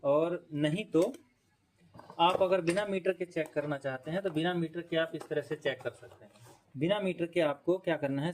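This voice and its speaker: Higher-voiced man teaching fan repair. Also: a little mellow. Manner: explanatory, repeats points, frequent "ठीक है" check-ins; demonstrating with tools while talking. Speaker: electrician instructor. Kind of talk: hands-on repair tutorial.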